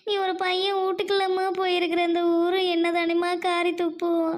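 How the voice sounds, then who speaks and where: A woman's voice: extremely high pitch, completely flat delivery, moderate pace. A woman playing a worried village mother who scolds her daughter with stern but loving emotion. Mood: anguished scolding. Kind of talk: amateur audio drama.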